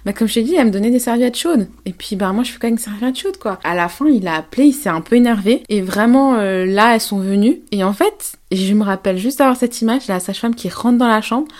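A young woman, a podcast guest, telling her story in a casual, candid, animated way, with slang and frequent laughter. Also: fairly high pitch, quick pace, hardly any pauses. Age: young adult.

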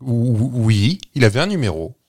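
A man's voice: mid-range voice, big pitch swings, normal speed, darkish tone. A man hosting a casual podcast chat, hesitant with fillers, teasing out clues. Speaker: podcast host running a quiz. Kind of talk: casual chat, guessing game.

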